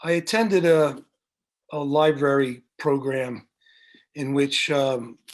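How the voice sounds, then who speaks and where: A slow-paced middle-aged man with a medium-pitched, fairly even voice is the guest on a video podcast. A music director by trade, he tells long rambling stories over a video call, full of fillers and restarts.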